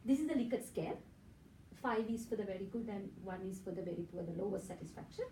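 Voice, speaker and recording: Speaking fast in an animated, warm, medium-pitched voice, a Sri Lankan-accented woman who grew up speaking Sinhala delivers an academic conference presentation in a hotel conference room. She explains her points step by step and often checks with "right?", while the distant, echoey recording carries a little hiss or hum.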